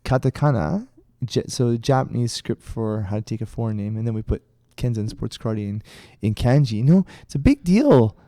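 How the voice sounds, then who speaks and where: A middle-aged man chats on a podcast in a mellow, darker tone. He rambles through his story with plenty of restarts. The sound is dry and close. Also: mid-range voice, animated, moderate pace, hardly any pauses, dry recording. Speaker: podcast co-host, karate instructor. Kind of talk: casual chat.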